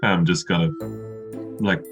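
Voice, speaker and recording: A man's voice: deep voice, steady tone, unhurried, fairly bright tone. A man chatting casually and improvising as a player in a tabletop role-playing game. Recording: music playing behind.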